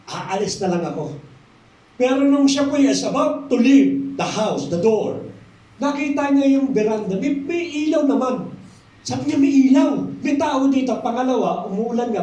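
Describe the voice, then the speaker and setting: A man with a Filipino accent, a pastor telling a story in a sermon and slowing down to stress key words. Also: sits high, darkish tone. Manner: mixes English into Tagalog, slows for emphasis. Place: church hall. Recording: echoey room, mic at a distance.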